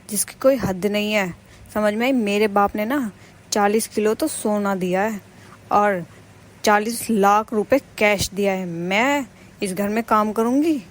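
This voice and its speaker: A defiant, boastful young daughter-in-law, voiced by a woman in a home-drama cartoon. She talks back in a mid-pitched voice and lectures in a pushy, self-assured way. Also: a little slow, lightly acted. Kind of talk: animated cartoon voice acting.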